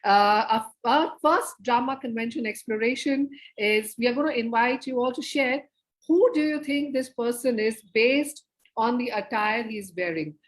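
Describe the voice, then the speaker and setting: A woman hosts a participatory drama session over a video call, her voice a little raised in pitch. She urges and coaxes her audience along in a lively, encouraging way. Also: normal speed, rough recording. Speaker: theatre educator and presenter. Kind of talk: interactive online workshop facilitation.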